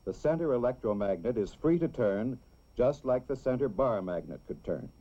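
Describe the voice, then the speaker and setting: A medium-pitched, animated male narrator delivers scripted narration for a children's instructional film, measured and explanatory. The sound is dull, like a vintage soundtrack.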